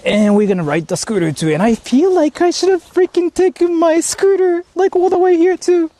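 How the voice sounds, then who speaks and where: A very high, expressive, mellow voice at normal speed, with no echo, belongs to a man from Japan livestreaming outdoors. He roams rural areas looking at haunted spots, chatting and thinking aloud with lots of swearing, and the recording carries outdoor noise.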